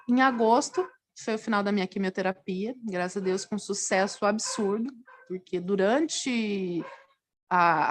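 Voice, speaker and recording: A woman with a Brazilian Portuguese accent, a nurse guest earnestly telling her personal story in a TV interview, her voice rising with feeling. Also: slight background noise. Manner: earnest, expressive, pitch swinging up with feeling. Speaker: nurse, talk show guest.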